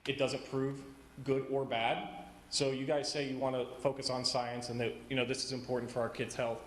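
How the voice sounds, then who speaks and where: A man's voice: mid-range voice, level tone, normal speed. An American man, a parent, making a reproachful public comment. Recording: echoey meeting room with faint noise.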